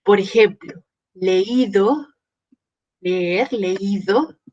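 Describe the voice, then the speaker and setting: Slow, patient woman teaching grammar. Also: mid-range voice, darkish tone, muffled recording. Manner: patient, explains step by step with examples. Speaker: Spanish teacher. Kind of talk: online grammar lesson.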